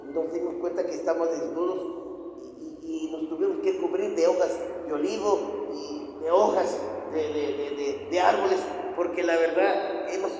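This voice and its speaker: A man's voice: a little high, steady tone, darkish tone, very echoey, long reverb tail, slight background noise, natural voice. A man voicing an ashamed, frightened man who stammers while begging forgiveness. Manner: halting, pleading, stammering.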